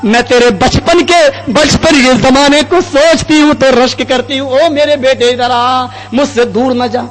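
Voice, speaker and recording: Devout mother pleading and telling her ordeal, a man putting her on, very high voice, big hall echo. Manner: pleading, storytelling. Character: grieving devout mother, middle-aged woman. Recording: long hall reverb, faint music.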